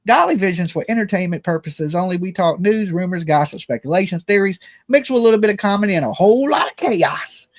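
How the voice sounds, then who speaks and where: A man with a high voice hosts a casual livestream show. He speaks in slangy, folksy language and jokes at his own expense as he delivers his commentary. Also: lively intonation, fast, few pauses. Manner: folksy, joking, self-deprecating, slangy. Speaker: host of a live true-crime commentary and call-in show.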